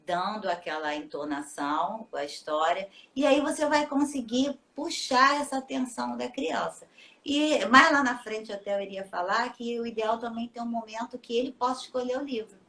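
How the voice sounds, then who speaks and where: A woman's voice: fairly high pitch, normal speed, a bit bright. A woman teacher, patiently explaining in a casual live interview and often ending with tag questions. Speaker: teacher and children's book author.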